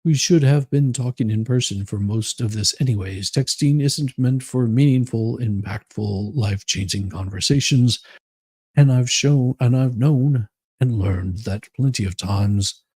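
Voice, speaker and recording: This man plays a stiff, earnest and non-committal figure in a dramatic reading. He sounds husky and low, with a darkish tone, and his delivery is solemn and measured on a dry recording.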